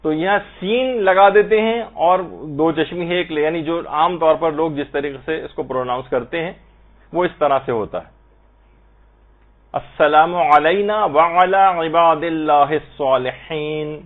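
A man giving an Islamic prayer lesson, patiently explaining and slowly reciting Arabic phrases to show how they should be pronounced. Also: fairly high pitch. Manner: slow, careful recitation of Arabic phrases to demonstrate pronunciation. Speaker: religious teacher. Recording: tinny phone-like audio.

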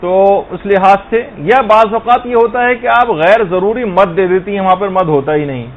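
A man's voice: high-pitched, highs cut off. A man giving a patient, step-by-step religious lesson with examples. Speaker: religious teacher.

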